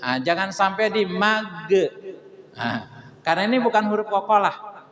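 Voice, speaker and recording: A man's voice: sits high, expressive, fairly quick, fairly bright tone. A man teaching a Quran tajwid lesson, drilling syllables over and over for a group to repeat. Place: mosque hall. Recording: echoey mosque hall.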